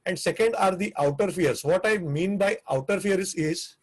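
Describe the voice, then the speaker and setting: A man with an Indian English accent teaches a live online class on the restaurant business, earnest and repetitive, often restarting his phrases. His voice sits high with a breathy edge, at a moderate pace.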